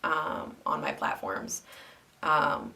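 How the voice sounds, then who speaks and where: A woman's voice: deep voice, animated, takes it slowly, bright, forceful tone, distant mic. A young woman vlogger, congested after flu, chatting casually about her hobby with many ums and likes. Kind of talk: casual chat to camera.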